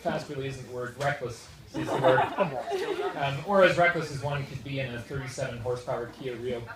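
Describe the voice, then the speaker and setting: A man's voice: mid-range voice, steady tone, fairly quick. Echoey Canadian man giving a wedding toast. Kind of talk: wedding toast, humorous anecdotes and tribute. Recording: echoey noisy room, far from microphone. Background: loud audience noise and laughter.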